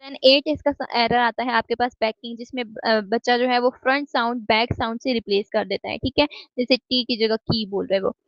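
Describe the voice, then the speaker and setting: A woman's voice: a little high, steady tone, normal speed, few pauses, no echo. A woman giving a recorded lecture. She explains step by step, mixes in English terms and keeps checking with "theek hai?". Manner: mixes English terms into Hindi-Urdu speech. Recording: dull, dry lo-fi recording.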